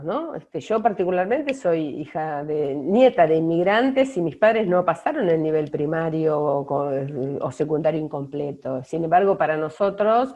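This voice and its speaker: Low-voiced Argentine woman, thoughtful. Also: darkish tone. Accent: Argentine Spanish. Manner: thoughtful, many fillers and restarts. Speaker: author being interviewed. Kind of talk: reflective interview answers. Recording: dull lo-fi audio.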